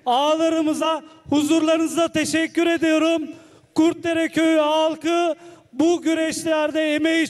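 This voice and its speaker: A man giving a formal thank-you speech at a festival, in deliberate short phrases. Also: very high voice. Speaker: local speaker at a wrestling festival.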